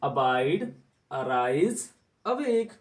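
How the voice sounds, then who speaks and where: A man's voice: medium pitch, very animated, very slow, recorded from a distance. A man teaching English vocabulary, repeating each word aloud several times and quizzing the class. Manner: drills words aloud in repetition, asks the class questions. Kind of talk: spoken English lesson.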